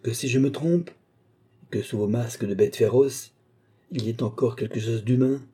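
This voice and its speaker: A man's voice: medium pitch, moderate pace, mellow, breathy edge, lightly acted. A man voicing a stern medieval monk who condemns two feuding lords in a firm, severe voice.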